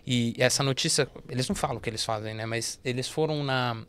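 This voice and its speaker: Brazilian male podcast guest, average pitch, animated and explanatory, stumbles and restarts often. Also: quick pace, clear, resonant tone. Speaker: investment firm partner, guest. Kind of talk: casual podcast interview.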